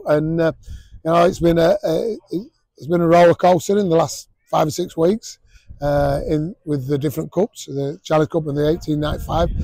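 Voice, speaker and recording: Gravelly, husky coach. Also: male voice, fairly high pitch, warm tone, no echo, low-quality recording. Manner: blunt, frequent fillers and restarts. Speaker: rugby league head coach. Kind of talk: post-match interview. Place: outdoors at a sports ground.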